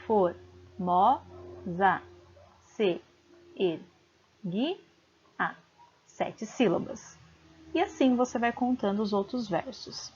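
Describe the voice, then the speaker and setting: Slightly husky woman teaching a lesson. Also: a little high, lo-fi sound. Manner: patient, sounds out syllables slowly. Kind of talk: home-recorded video lesson. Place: home.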